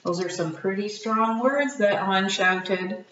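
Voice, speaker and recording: Brief: woman storyteller for children, slow and bright, recorded far off in an echoey room. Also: medium pitch, lo-fi sound. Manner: gentle, asks children questions. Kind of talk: children's read-aloud.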